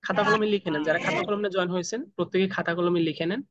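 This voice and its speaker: A Bangladeshi-accented man leads an online English lesson. He drills pronunciation slowly and spells out each sound one at a time. The video-call audio carries a faint hiss of background noise. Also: high voice, fairly even intonation, muffled recording. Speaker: English teacher. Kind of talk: online spoken English class.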